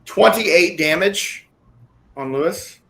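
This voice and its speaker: A man's voice: sits high, animated, slow pace, creaky, pushed and bright. A man running a tabletop game as dungeon master, talking casually and swearing freely.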